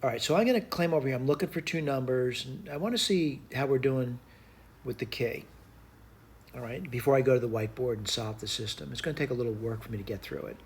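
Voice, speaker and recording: This time the math tutor talks fast in his mid-range voice, still hesitant and muttering to himself through an informal lesson. He repeats and spells out every step, and background noise can be clearly heard.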